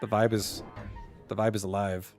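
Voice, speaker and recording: Speaking in a lowish voice at a moderate pace, a man with a stuffy nose casually narrates his game stream live. He thinks out loud, now and then shouting excitedly, with faint music behind him.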